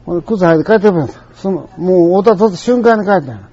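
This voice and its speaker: An older man with a Kansai Japanese accent tells a rambling personal story in a chatty, colloquial, wandering manner. His voice is high-pitched, husky, and warm, with lively intonation and a quick pace, on a dull lo-fi recording.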